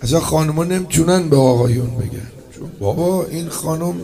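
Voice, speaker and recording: A man giving an emotional religious mourning sermon to poets and eulogists. He swings from low murmurs to loud, impassioned cries and stretches his phrases for emphasis. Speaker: preacher addressing poets and eulogists.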